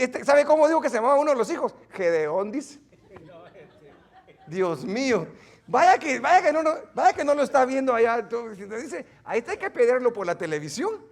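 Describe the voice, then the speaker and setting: A male pastor giving an interactive Bible teaching in a church, quizzing the congregation and joking as he goes. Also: extremely high pitch.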